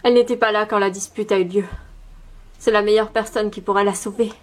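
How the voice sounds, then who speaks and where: A woman's voice: mid-range voice, steady tone, a little fast, lightly acted. A woman playing scheming, bossy young witches plotting in secret in an amateur audio drama.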